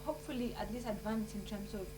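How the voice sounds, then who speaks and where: A woman's voice: mid-range voice, quick pace, noisy background. Earnest woman, distant mic. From Chile. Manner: earnest, rambling, full of "you know" and "like". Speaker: scientist speaking at a conference. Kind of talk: informal closing remarks at a conference. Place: conference room.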